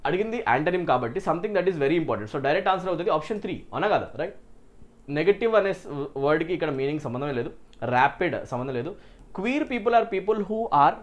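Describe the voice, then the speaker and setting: Lively Indian man teaching English. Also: a little high. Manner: mixes Telugu and English, checks in with "right?" and "okay?"; slows down to stress English phrases, speeds through explanations. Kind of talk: exam question walkthrough.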